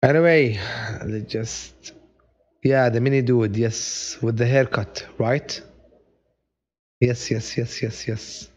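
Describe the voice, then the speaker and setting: A man's voice: mid-range voice, flat delivery, slow pace, pauses often, darkish tone. A male teacher running a live online revision session, chatty and joking, greeting viewers by name and mixing in Arabic phrases.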